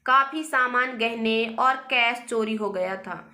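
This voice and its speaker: Bright high-voiced woman storyteller. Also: slow pace, roomy sound. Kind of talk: scripted story narration.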